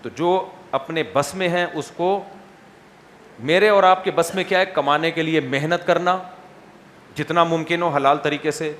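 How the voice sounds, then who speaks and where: A man's voice: on the high side, fairly even intonation, fairly bright tone, slight background noise. Blunt, rhetorical male scholar. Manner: rhetorical, keeps checking the listeners understand; blunt, wry. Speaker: Islamic scholar answering questions. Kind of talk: question-and-answer session.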